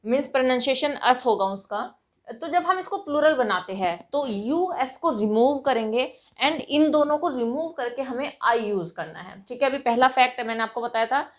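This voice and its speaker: A woman with an Indian accent, teaching English grammar for competitive exams, explaining patiently and checking in often. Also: high-pitched. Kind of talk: exam-prep grammar lesson.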